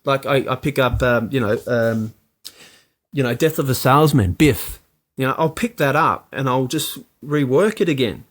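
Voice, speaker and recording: A man, talking casually as an interview guest, animated and full of fillers. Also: mid-range voice, moderate pace. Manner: animated, many fillers, acts out quoted lines. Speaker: actor and producer guest.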